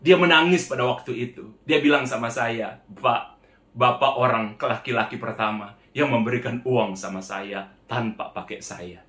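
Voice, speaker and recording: A male pastor delivers a storytelling sermon at a middle pitch, calling out to his listeners over and over and putting on the voices of the people in his story. His words ring around an echoey room. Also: normal speed, fairly bright tone. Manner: addresses the congregation as "saudara" repeatedly, acts out quoted voices.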